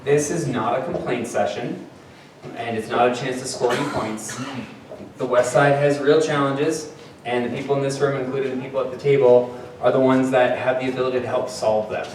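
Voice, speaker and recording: A man's voice: medium pitch, steady tone, normal speed, darkish tone, slight background noise. A man moderating a neighborhood town hall, speaking conversationally with frequent fillers. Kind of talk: public meeting address. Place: community meeting room. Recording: echoey hall, mic at a distance.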